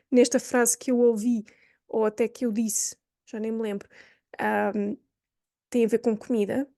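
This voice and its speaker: A woman's voice: fairly high pitch, vocal fry, dark tone, dry recording, clean studio sound. A woman from Portugal with a Lisbon accent, teaching in a chatty way that thinks aloud, with restarts and asides. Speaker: language teacher. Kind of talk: explaining lesson to camera.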